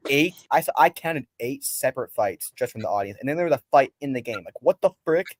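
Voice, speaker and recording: A young man hosting a casual sports podcast, talking in an excitable, slangy, ranting way. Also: mid-range voice, fast talker, dry recording. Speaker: podcast host.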